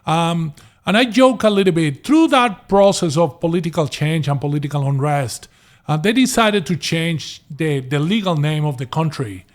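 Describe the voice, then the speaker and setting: A Venezuelan property investor in middle age recounts his story as an interview guest, his Venezuelan Spanish accent tinged with American and Australian sounds. His pitch is fairly high, his intonation lively, and his speed normal, though he keeps restarting, repeating words, and leaning on fillers.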